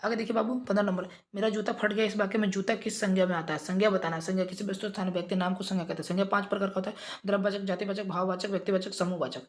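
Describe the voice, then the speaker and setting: A man teaching an exam revision lesson, briskly reading out quiz options and coaxing his pupils along. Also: high-pitched, flat delivery.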